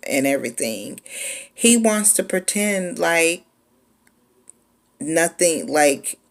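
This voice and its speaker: A woman in her forties telling a personal story in a casual, laid-back way, with frequent pauses. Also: low voice. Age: 40s. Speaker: vlogger.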